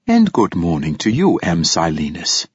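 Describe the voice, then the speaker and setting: A man voicing a calm, polite female android servant who speaks in a patient, precise way. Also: low voice, a little slow, breathy edge, dry recording, lo-fi sound, heavily acted.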